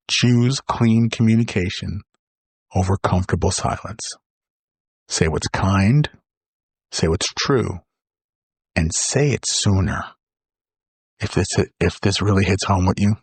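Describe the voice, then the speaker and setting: A man's voice: medium pitch, dry recording. A man hosting a motivational podcast, talking earnestly and emphatically, often repeating words for stress. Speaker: podcast host.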